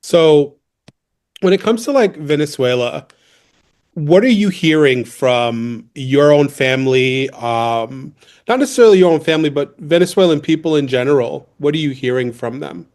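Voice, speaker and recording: A man's voice: a little high, expressive, moderate pace, darkish tone. A man hosting a history podcast, reading a scripted intro, then asking loose questions with fillers. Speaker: podcast host.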